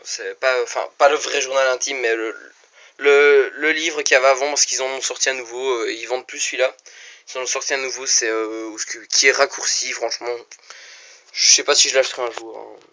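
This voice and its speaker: A man's voice: medium pitch, fairly even intonation, fairly quick, bright, forceful tone. A young man chatting casually in a home vlog, rambling and hesitant with lots of fillers, recorded on a phone in his room. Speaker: channel owner. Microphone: phone camera.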